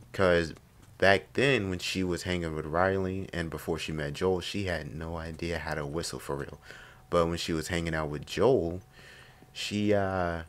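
A man with a very low, deep voice talks through a game he is playing. He chats in a laid-back, slangy way, reacting casually as he goes. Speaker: gaming YouTuber. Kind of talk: casual let's-play commentary.

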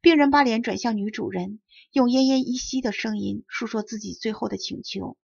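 A woman teacher narrating a children's audiobook in a steady, expressive storytelling manner. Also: on the high side, moderate pace, creaky, husky, no echo. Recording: dull lo-fi audiobook recording.

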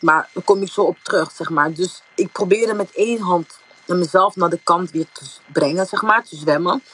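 A young woman from the Netherlands gives a personal faith testimony in a casual, rambling way, using many fillers such as "zeg maar" and retelling her thoughts as quotes. Her voice is on the low side and husky.

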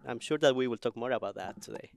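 A man's voice: mid-range voice, fast, vocal fry, no echo. Man from Ecuador, mid voice, earnest podcast guest, dry headset sound. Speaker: program lead, guest. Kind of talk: casual interview chat. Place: conference room with windows. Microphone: headset mic.

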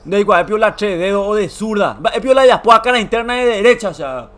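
A young man, giving excited, emotional commentary over a football video game he is playing. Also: high-pitched, fairly quick, a little hiss or hum. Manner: emotional, shouts and groans at every play. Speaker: gaming YouTuber.

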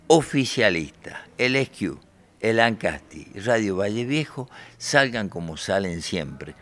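Lawyer at a press gaggle: man in his forties, very low voice, combative and indignant. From Argentina. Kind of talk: press interview. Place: bright room by large windows. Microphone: handheld reporter mics close.

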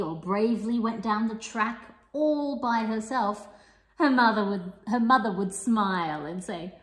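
A woman reading a picture book aloud to young children, playful and expressive, with sing-song rhymes and the odd whisper. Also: mid-range voice. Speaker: children's storyteller and teacher. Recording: echoey room.

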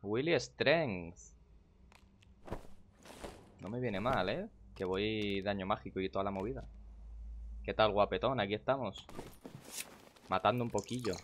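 A young man commentates his game at a home computer, rattling off casual, profane asides and greetings to chat. His voice sits on the low side. Faint background noise and keyboard clicks come through the mic. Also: unhurried, pauses often. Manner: chatty and profane, muttering to himself and greeting chat viewers. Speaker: gaming streamer. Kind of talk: casual live-stream commentary.

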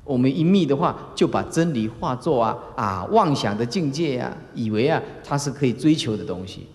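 A man giving a Buddhist sermon as a dharma master, full of filler sounds and acted-out calls. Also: moderate pace. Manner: animated, acts out examples with sudden high calls; frequent filler particles like "ah" and "eh". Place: lecture hall. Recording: roomy lecture hall reverb.

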